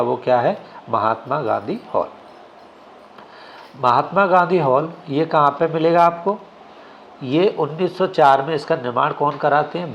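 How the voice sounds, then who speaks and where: A man's voice: medium pitch, highs cut off, a little hiss or hum. Man lecturing with constant self-questions. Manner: asks questions and answers them himself, frequent "ठीक है?". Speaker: exam coaching teacher. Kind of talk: classroom lecture.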